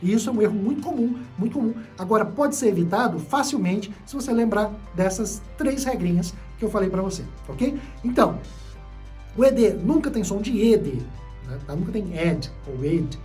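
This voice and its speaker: Lively, mellow-voiced male English teacher. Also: high-pitched, fairly quick, soft background music. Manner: explanatory, repeats key points, frequent "né?" and "tá?" checks. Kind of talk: online English lesson.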